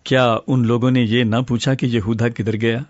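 A man playing an older uncle who calmly explains stories in a scripted dialogue drama. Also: medium pitch, no room sound, lightly acted. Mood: calm explaining. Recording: muffled lo-fi dry studio audio.

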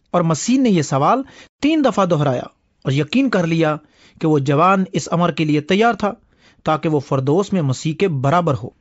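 A man in a scripted dialogue drama who retells traditional stories. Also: on the high side. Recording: muffled lo-fi audio.

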